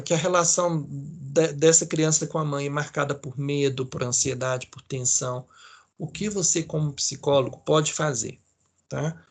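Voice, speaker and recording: A male psychology lecturer with a Brazilian accent, reading a case aloud to an online class in a casual way, full of fillers and check-ins. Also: fairly high pitch. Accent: Brazilian Portuguese.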